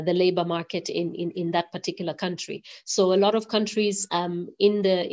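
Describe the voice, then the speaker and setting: Woman from Zambia, lecturer, lowish voice, halting delivery full of ums, muffled video-call audio. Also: a little mellow. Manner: hesitant, many fillers and restarts. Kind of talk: online lecture.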